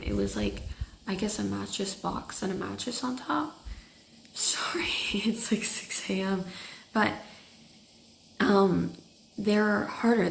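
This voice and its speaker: A woman's voice: mid-range voice, gravelly. A young woman from Canada with a groggy early-morning voice, narrating a travel vlog in a rambling, chatty way. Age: young adult. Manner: rambling, filler-heavy chatty explaining. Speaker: vlogger. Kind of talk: casual voice-over narration. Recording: roomy echo, faint noise.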